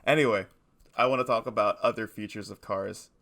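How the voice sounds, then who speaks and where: A man's voice: on the low side, a little fast, vocal fry, fairly bright tone. A man co-hosting a podcast, chatting casually and rambling with frequent laughs. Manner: rambling, laughs often, playful. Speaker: podcast co-host. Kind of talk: casual chat.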